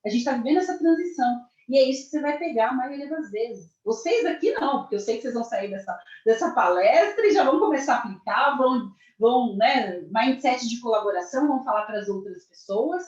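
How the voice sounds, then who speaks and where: Brazilian woman career coach, high-ish and very expressive, training a corporate audience, echoey and muffled recording. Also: a little fast. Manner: lively, addresses the audience directly, acts out example phrases. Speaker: career mentor. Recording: echoey, dull lo-fi sound.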